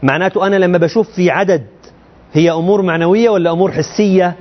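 Teaching a religious text, a man with a high-sitting voice moves at a quick pace through his explanation of a creed. He often quizzes students with rhetorical questions in a colloquial style. The sound is lo-fi.

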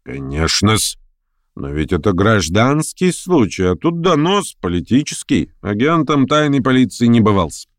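A man's voice: fairly low pitch, sing-song, a little slow, no room sound. A man doing a stiff, deferential old major. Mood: formal. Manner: formal, deferential.

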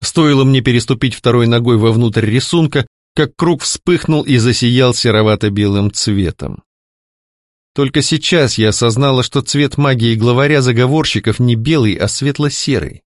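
A man reading a first-person fantasy novel aloud, in an expressive storytelling manner. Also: medium pitch, moderate pace, no echo, studio quality. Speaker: audiobook reader.

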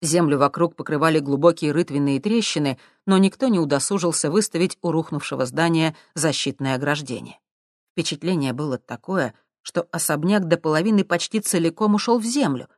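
An audiobook narrator reads in a steady, even storytelling manner at a middle pitch. The recording is close and dry, with no room sound. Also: a little fast, dry recording.

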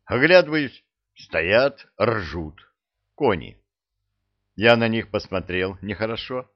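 A man with a low voice narrates a first-person tale. His delivery is wry and colloquial, with very lively swings in pitch, on a slightly dull recording. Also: takes it slowly. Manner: sardonic, expressive. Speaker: audiobook narrator.

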